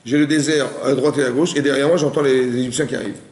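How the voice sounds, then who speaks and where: A man teaching a lively Torah class, firing rapid questions at his listeners and acting out cries. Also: medium pitch, echoey room. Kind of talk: lively interactive Torah lesson.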